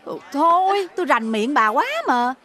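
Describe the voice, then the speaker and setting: An actress playing a sharp-tongued, middle-aged Southern Vietnamese woman who scolds her servant and dotes on her son, with a Southern Vietnamese accent. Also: lively intonation, normal speed. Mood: gossiping. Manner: shrill scolding and nagging. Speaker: domineering mother and market boss.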